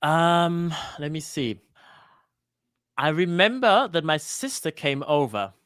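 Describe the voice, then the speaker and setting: A man's voice: a little high, expressive, takes it slowly, fairly bright tone, no room sound, clean studio sound. A man in his thirties from Denmark, a guest on a live-streamed interview, talking hesitantly with many restarts. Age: 30s.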